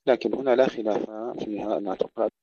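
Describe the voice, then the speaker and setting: A man teaches Quranic recitation in a lowish, mellow voice. He drawls short verse fragments slowly and a bit louder, then explains each rule calmly. The recording is dry and a little dull. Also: slightly rough, no echo.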